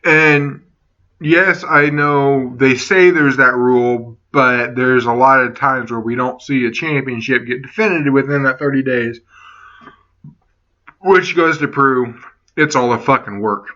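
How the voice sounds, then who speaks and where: Bright-voiced man rambling through a lo-fi vlog. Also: mid-range voice, a little slow. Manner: rambling, profane, self-correcting. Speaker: wrestling and gaming vlogger. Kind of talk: casual opinion vlog.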